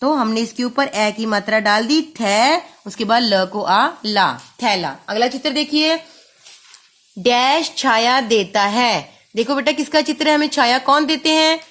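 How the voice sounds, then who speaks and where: A woman's voice: fairly high pitch, animated, measured pace, a bit bright. A woman teaching young children a Hindi lesson, patiently sounding out each syllable and affectionately calling the pupils "beta". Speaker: primary school Hindi teacher.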